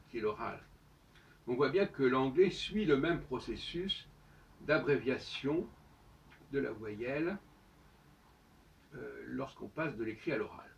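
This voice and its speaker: A man of ordinary pitch lectures on his own, putting emphatic rhetorical questions to the listener. He sits some way from the mic, and the sound is dull and lo-fi. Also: gravelly, far from the mic, a little hiss or hum. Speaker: host. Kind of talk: solo spoken monologue.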